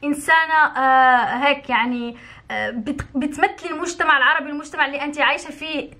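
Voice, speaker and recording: This young adult woman from Morocco vlogs her opinions straight to the camera, fast and in a high, pushed, bright voice. Emphatic and indignant, she hammers home her points by repeating them.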